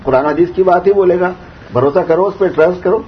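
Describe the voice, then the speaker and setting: A man delivers a storytelling sermon to listeners in a prayer hall. He drops into slow, measured recitation of Arabic verses, explains them in plain talk, and his voice climbs higher when he scolds. The recording is roomy and distant, with a dull, muffled tone. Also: a little hiss or hum. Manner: rises in pitch when scolding. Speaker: preacher.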